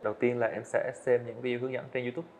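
A slight hiss or hum sits under this quick, level, a little mellow mid-range male voice. The speaker, an eighteen-year-old animator, candidly tells his story as a podcast guest in a studio, earnest and prone to hesitant restarts, and the sound is dull and lo-fi.

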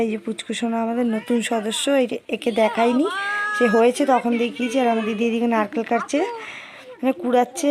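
A middle-aged woman with a hoarse voice from a cold, chatting casually as she films a family outing on her phone. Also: on the high side. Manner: chatty, walking and pointing things out. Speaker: family vlogger. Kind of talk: casual vlog narration.

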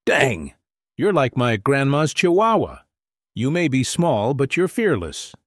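A man's voice: mid-range voice, big pitch swings, unhurried, dry recording, clean studio sound, pitched above the performer's own voice. A man reading the lines of a cocky, teasing young soldier in an audiobook. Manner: teasing, grinning.

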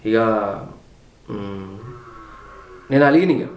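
A man's voice: fairly low pitch, animated, drawn-out words, a little mellow, reverberant, slight background noise. Heartfelt man with a Telangana accent. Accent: Telangana Telugu. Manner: heartfelt, reflective, repeats words for emphasis. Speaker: vlogger telling his family story. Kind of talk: personal storytelling on a home tour.

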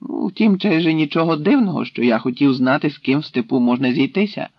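A man's voice: on the high side, fairly quick, dry recording. A man voicing a proud young Tatar captive who insists defiantly, in a dry, slightly dull recording. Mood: guarded.

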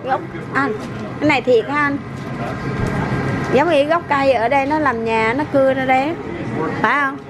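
A middle-aged woman with a hoarse voice, chatting to viewers as she films a farm market on a handheld camera and exclaims over the produce. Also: high-pitched, normal speed, pauses often. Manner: chatty, exclaims often, addresses viewers directly. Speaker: vlogger. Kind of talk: casual narrated shopping vlog. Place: farm market, indoors and outdoors. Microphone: handheld camera mic. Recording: loud background noise from a busy market.

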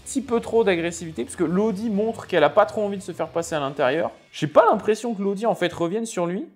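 A man giving casual, expressive commentary over racing game clips. He talks in halting bursts with many fillers and reacts aloud to the crashes. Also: high-pitched, breathy edge. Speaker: sim racing video creator.

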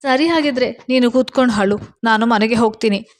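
A woman reading a storybook voices a cheerful, sensible young friend who asks pointed questions in a brisk, half-amused way. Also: fairly high pitch, pitched above the performer's own voice, lightly acted.

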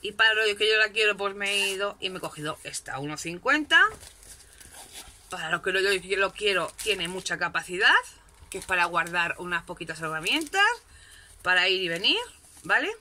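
A chatty woman talks casually at her craft desk. Her voice is very bright and sharp, and her manner is self-mocking. The overhead camera picks up a faint hiss in the background. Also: medium pitch, lively intonation, normal speed. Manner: chatty, self-mocking, frequent "¿vale?" check-ins. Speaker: crafting vlogger. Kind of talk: casual shopping haul chat. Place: home craft desk, indoors.

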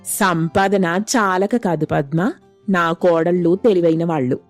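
A woman's voice: lowish voice, fairly even intonation, measured pace, soft background music, pitched below the performer's own voice, natural voice. A woman voicing a firm, commanding older mother-in-law in a cartoon story. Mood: proud.

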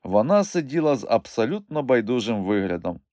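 A man reading a novel aloud as a first-person audiobook narrator, in an expressive, animated way. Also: medium pitch, a little fast, dry recording, clean studio sound.

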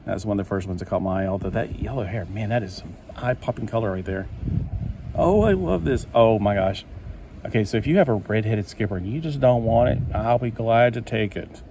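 A noisy background surrounds a man whose lowish voice runs a bit fast. Flipping through a collector magazine at a table indoors, he chats away to himself, rambling and easily amused.

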